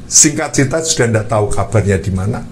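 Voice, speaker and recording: A man preacher telling a personal story in a lively sermon, addressing the listeners as brothers. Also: on the low side, fast talker, a little hiss or hum.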